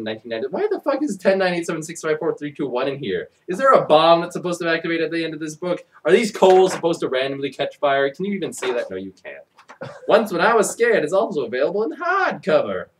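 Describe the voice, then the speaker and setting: Here a comic reader with a slightly high voice races through a theatrical storybook reading, his pitch swinging widely as he ad-libs profane, sardonic commentary. He's far from the mic, and there's a little hiss or hum.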